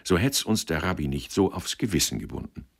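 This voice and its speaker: Nervous carter, voiced by a man, deep creaky whisper-tone. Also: very animated, a little fast, exaggerated voice. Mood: urgent. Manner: hushed, urgent. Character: anxious male innkeeper and carter.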